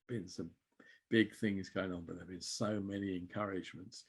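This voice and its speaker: A man's voice: low voice, fairly even intonation, moderate pace, breathy edge. An older man telling stories as an interview guest, reflective and chuckling now and then. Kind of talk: conversational storytelling.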